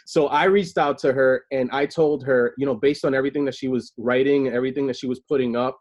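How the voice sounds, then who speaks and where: A man's voice: mid-range voice, fairly even intonation, fast, darkish tone. A man hosting a casual talk show, talking enthusiastically and rambling with fillers. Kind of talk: casual chat. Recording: dull lo-fi recording.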